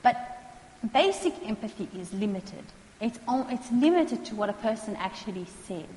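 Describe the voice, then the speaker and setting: A woman, calmly explaining counselling skills to students and acting out what clients say. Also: on the high side. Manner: calm, measured, acts out client quotes. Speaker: counselling lecturer. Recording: echoey hall, faint noise.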